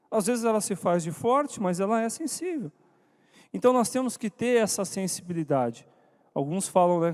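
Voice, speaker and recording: Guy giving a church talk to couples, pretty high voice, keeps asking the crowd stuff, long reverb. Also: darkish tone. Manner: engages the audience, asking questions and calling on people by name. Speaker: speaker at a church couples' meeting.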